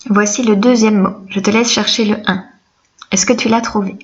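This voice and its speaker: A woman teaching a reading lesson to young children, slow, gentle and encouraging. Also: medium pitch, fairly even intonation, dull audio.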